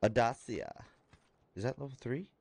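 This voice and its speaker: A man streaming a shooter game live, thinking aloud as he loots, excitable, with his voice jumping up high at times. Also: moderate pace. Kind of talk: live gameplay commentary.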